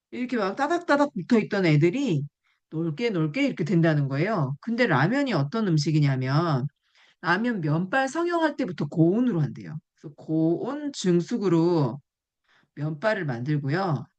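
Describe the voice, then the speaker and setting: A woman giving a classroom nutrition lecture, explaining with examples and asking the audience questions. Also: on the low side. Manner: animated, asks the class questions.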